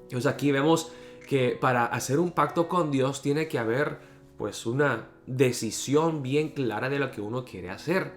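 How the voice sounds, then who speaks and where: A man's voice: medium pitch, a little slow. A man preaching a daily devotional with earnest teaching, reading scripture aloud and explaining it. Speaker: pastor. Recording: faint guitar music behind.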